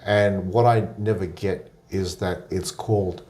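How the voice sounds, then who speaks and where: A man's voice: low-pitched, steady tone, unhurried, mellow. A man speaking as a guest on a casual interview podcast, explaining things steadily with frequent filler sounds.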